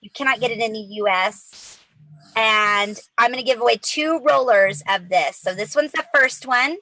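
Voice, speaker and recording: A woman hosting a live giveaway in a hyped, excited announcing style, chatting directly to the viewers. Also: fairly high pitch, normal speed, dry recording, rough recording. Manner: excited, chatty, addresses viewers as you guys.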